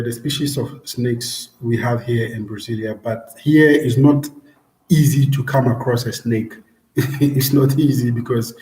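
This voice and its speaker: A man's voice: medium pitch, darkish tone. A young Ghanaian man vlogging from home and answering viewers in a live stream, in an easygoing way with repeated words and many fillers. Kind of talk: casual live-stream chat. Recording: echoey room.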